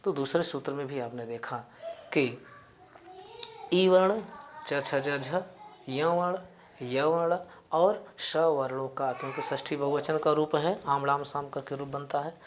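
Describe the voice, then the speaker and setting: A man teaching a grammar lesson, explaining slowly and deliberately and spelling out individual sounds one by one. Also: fairly high pitch, steady tone, background noise. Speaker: Sanskrit teacher.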